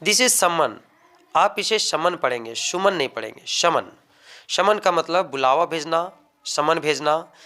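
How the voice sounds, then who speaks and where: Slow, bright-voiced teacher. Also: male voice, on the high side, expressive. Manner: slow, drawn-out word drills with Hindi explanations. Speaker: English teacher. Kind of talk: vocabulary lesson.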